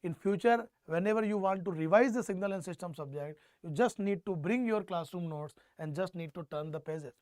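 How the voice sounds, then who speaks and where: A man's voice: high voice, brisk, few pauses, darkish tone, no room sound. North Indian man teaching, close dry sound. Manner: repeats phrases for emphasis, prompts students with questions; mixes Hindi phrases into English. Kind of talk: live online exam-prep lecture.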